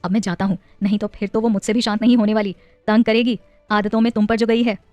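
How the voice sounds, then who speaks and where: A woman voicing a playful, doting young husband and father in an audio story, speaking gently and coaxingly. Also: medium pitch, flat delivery, fast talker, no room sound, muffled recording, soft background music, close to an everyday voice. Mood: loving.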